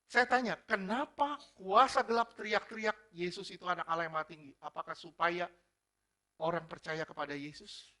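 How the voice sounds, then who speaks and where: Male pastor preaching, high bright voice, keeps asking the crowd questions, slangy and energetic. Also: moderate pace. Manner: energetic, asks the congregation rhetorical questions; mixes formal preaching with casual slang. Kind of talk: sermon.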